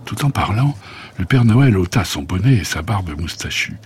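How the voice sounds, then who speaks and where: A man narrating a scripted bedtime story for children in a calm, gentle reading voice. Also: sits low, normal speed, husky.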